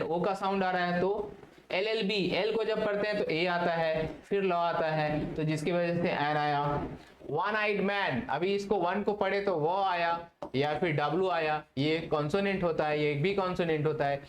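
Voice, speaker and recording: A male English teacher explains a grammar point in a recorded video lesson. He keeps asking questions and answering them himself, and his fairly high voice carries an echo from the room along with a faint hiss behind it.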